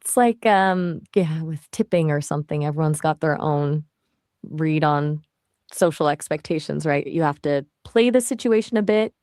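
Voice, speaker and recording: A synthetic woman's voice, a fairly low AI assistant that answers questions in an easygoing, conversational manner. She talks in a chatty way with casual fillers. The sound is close and dry, with no room around it. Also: normal speed, darkish tone, no room sound.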